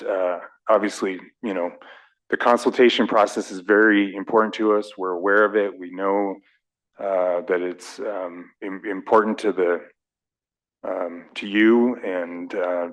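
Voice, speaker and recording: Low-voiced hesitant man apologizing. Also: rough recording. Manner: hesitant, apologetic, many fillers. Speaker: railroad company representative. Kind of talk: formal address at a council meeting.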